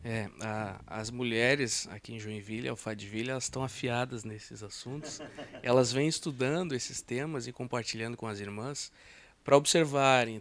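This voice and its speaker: A Brazilian guest pastor explains his points earnestly on a church TV program. His voice is gravelly and a little high, and it is recorded close and dry. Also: a bit bright, no echo. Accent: Brazilian Portuguese. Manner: earnest, explanatory, a few stumbles. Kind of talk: church TV interview.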